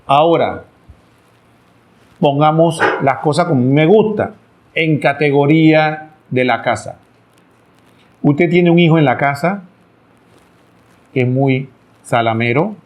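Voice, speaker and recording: A middle-aged man, a catechist, giving a talk to pilgrims, acting out family dialogues and asking the audience rhetorical questions. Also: medium pitch. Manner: acts out family dialogues with pleading voices.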